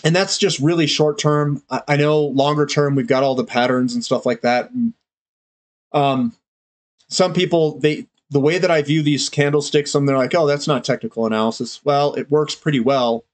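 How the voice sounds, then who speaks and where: A man's voice: fairly high pitch, normal speed, no room sound. A man, congested from a cold, giving casual, rambling market commentary as the host of a finance channel. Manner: loose, rambling, with frequent fillers.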